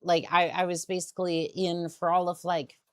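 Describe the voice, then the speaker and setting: A woman's voice: fairly low pitch, level tone, moderate pace, no echo. A young adult woman streamer chatting casually while playing a game, rambling and often restarting her sentences. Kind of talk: casual gaming stream chat.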